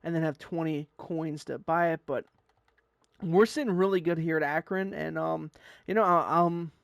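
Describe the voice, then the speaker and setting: A man's voice: fairly high pitch, fairly even intonation, normal speed, creaky, no echo, clean studio sound. A young man giving casual, upbeat commentary on a football video game, rambling and sometimes stumbling over his words. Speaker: gaming YouTuber.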